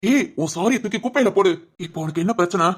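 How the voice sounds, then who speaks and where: A man voicing a young husband in an animated family story, who nags with quick questions and then coaxes gently. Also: sits high. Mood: worried. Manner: quick, bossy questioning that turns coaxing.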